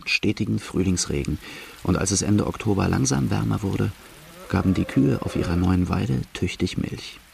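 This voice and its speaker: A low, gravelly voice narrates the rough upbringing of a young Australian farm boy turned outlaw, in a plain, earthy and measured radio-drama style. The actor's performance is heavily acted, and the background is noisy.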